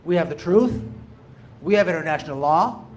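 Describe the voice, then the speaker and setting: A man from Jerusalem rises to speak, earnest and emphatic, circling back to repeat his key phrases. His voice sits a touch high for a man. Faint background noise runs under the recording. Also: expressive, normal speed, darkish tone. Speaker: audience member, activist. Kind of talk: impassioned public comment.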